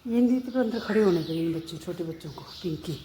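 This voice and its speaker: A woman's voice: on the low side, lively intonation, fast, dark tone, slight background noise. A woman casually narrating outdoors as she films, chatting away and cooing at her dogs in a sing-song voice. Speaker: vlogger filming her pet dogs. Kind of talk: casual narration while filming. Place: outdoors around her home and garden.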